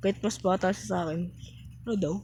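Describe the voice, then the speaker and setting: A woman giving casual, chatty commentary while playing a game, breaking into sudden high exclamations. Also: fast, background noise. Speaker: gaming vlogger.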